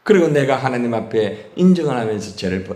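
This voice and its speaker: In an echoey church hall, a pastor from Korea delivers a sermon in a medium-pitched, dark-toned voice, very animated and a little fast. He puts questions to the congregation in a call-and-response style from the sanctuary.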